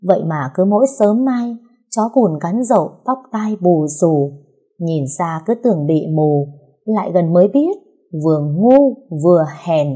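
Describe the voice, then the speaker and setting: A woman voicing a sharp-tongued, scheming young wife who taunts in sing-song rhymes and wails theatrically. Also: on the low side, expressive, a little slow, husky. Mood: mocking.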